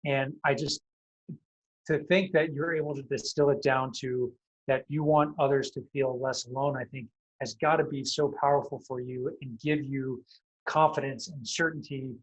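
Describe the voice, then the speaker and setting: A man's voice: mid-range voice, breathy edge, highs cut off. A man hosting an interview, speaking reflectively in long summarizing questions. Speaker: company CEO and show host. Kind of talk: conversational interview.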